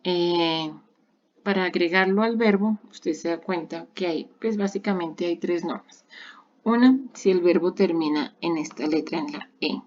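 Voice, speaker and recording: A woman's voice: fairly low pitch, measured pace, a little mellow. A woman, an English teacher giving a recorded online grammar lesson, explaining patiently step by step and repeating examples. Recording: dull lo-fi recording.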